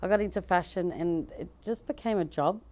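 Inside a bridal shop, an Australian woman in her thirties, who works as both a comedian and a fashion designer, fields an interviewer's questions in a brisk, dark, lowish voice. She chats freely, laughs readily, and often starts her sentences over. The interviewer holds a handheld mic for her.

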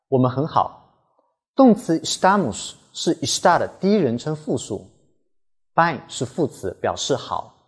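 Male language teacher, scripted lesson read; animated intonation, slightly raspy tone, careful pronunciation drills. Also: medium pitch. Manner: careful, slows down to model pronunciation.

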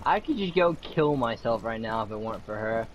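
A man's voice: lowish voice, lively intonation, brisk, highs cut off, background noise. A man in a casual gaming chat, explaining game mechanics bluntly.

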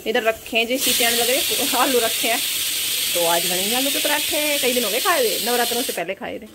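A woman's voice: a little fast, very noisy. A woman in her thirties chatting casually through her day at home, a mother talking to her viewers. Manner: chatty, scolds children in sharp high calls. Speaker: vlogger, mother. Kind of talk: casual home vlog narration. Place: indoor home.

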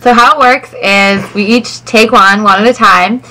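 A woman's voice: mid-range voice, steady tone, normal speed, pushed and bright, slight background noise, poor audio. A young adult woman chatting casually as a guest in a friend's home video. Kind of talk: casual chat.

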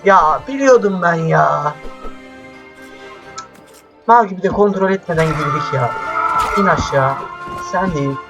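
A man doing casual let's-play commentary, chatty and excitable, swearing often and talking straight to his viewers. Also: on the high side, unhurried, long pauses, muffled recording. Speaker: gameplay commentator. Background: faint game music.

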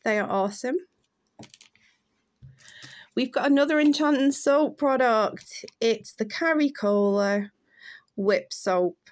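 A beauty vlogger chats enthusiastically to camera while unboxing beauty gifts. Her voice is a little high, and she takes it slowly with long pauses.

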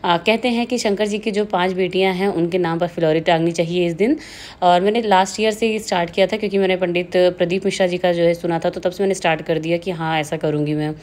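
A woman's voice: lowish voice, fairly even intonation, quick pace, a little mellow. A young woman chatting casually in a home vlog, slipping English words into her speech. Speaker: vlogger.

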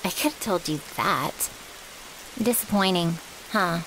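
A woman with a lowish, expressive voice takes her time, playing a cheeky, flirty and loyal thrall to a vampire in an intimate ASMR roleplay. She talks casually and teasingly, sounding smug, against a hissy, rain-like background noise.

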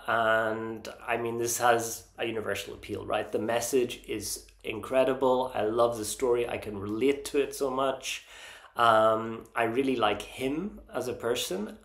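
A man with a mid-pitched, gravelly voice talks through his opinions in a casual vlog. He hesitates often with ums and restarts, yet stays earnest and openly enthusiastic. The room around him rings with a noticeable echo. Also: measured pace, a bit bright. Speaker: Eurovision vlogger ranking songs.

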